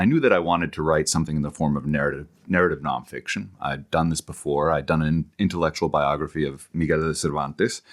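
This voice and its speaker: A middle-aged academic author, rumbling and low, explains things conversationally as an interview guest. He thinks aloud haltingly, repeating words as he goes.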